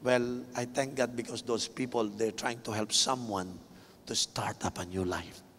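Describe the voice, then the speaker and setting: Filipino-accented male preacher, animated storyteller, mid-pitched voice, booming in a big reverberant hall. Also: measured pace, slight background noise. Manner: lively storytelling, switching between Tagalog and English, acting out quoted voices. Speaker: bishop preaching. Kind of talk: sermon with a personal story. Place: large indoor dome arena.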